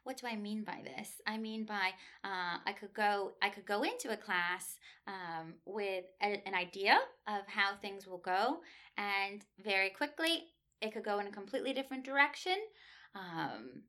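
A woman language instructor with a bright voice speaks at a panel. She answers thoughtfully and hesitantly, with many fillers and restarts. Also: medium pitch, moderate pace. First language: English.

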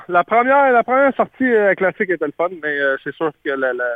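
A man with a Québécois accent, a baseball analyst guest talking casually, halting with many fillers and restarts, heard over the phone. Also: high-pitched, big pitch swings, no echo. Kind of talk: casual phone-in radio chat. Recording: tinny phone line.

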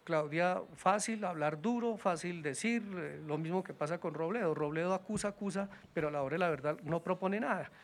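A man's voice: high-pitched, brisk, hardly any pauses, slight background noise. A man in casual political talk, critical and hesitant, with many restarts and fillers. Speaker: political guest.

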